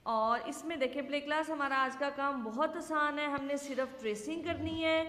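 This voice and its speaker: Female teacher, high voice, patient children's lesson; roomy, reverberant recording. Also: a bit bright. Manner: slow, patient, asks and answers own questions. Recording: echoey room with long reverb.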